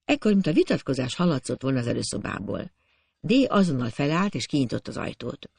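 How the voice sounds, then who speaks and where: A man narrating a classic novel as an audiobook in a steady storytelling manner. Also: medium pitch, gravelly, husky, no echo. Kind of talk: scripted narration.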